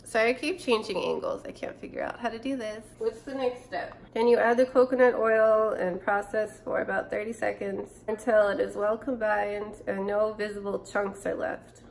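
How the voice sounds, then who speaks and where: A woman in her twenties with a cold chats informally and thinks out loud while cooking at home for her vlog, her voice nasal and stuffy. The medium-pitched voice is gravelly and steady, at a moderate pace with few pauses, captured close up on a camera or phone.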